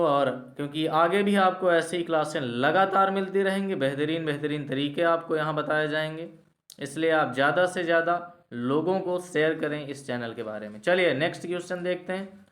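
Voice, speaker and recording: A man's voice: fairly high pitch, a bit bright, reverberant. A man teaching reasoning problems in a step-by-step classroom lecture, often checking whether the students follow. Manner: explains step by step, asks "clear?" to check understanding.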